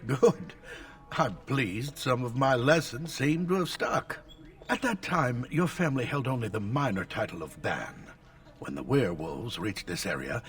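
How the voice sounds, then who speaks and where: A male actor voices an elderly, scholarly tutor in a video game, delivering long, formal lectures in a stern manner and growing exasperated easily. His voice is medium in pitch and sounds far from the microphone.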